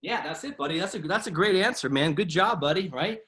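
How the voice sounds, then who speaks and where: A man's voice: high-pitched, animated, a little fast, sharp tone, slight background noise. A man coaching a children's martial arts class in a casual, encouraging way, often checking in with a tagged "right?". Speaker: kids' martial arts instructor. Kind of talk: upbeat class coaching and discussion. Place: online video class run from home.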